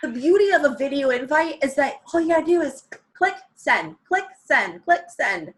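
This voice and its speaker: A woman in her thirties coaching a group on a sales video call, talking frankly and casually and acting out what prospects say. Her voice is hoarse from losing it, and her tone sits fairly high for a woman. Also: big pitch swings, moderate pace, fairly bright tone. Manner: chatty, frank, acts out prospects' lines. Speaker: presenter of a sales training call.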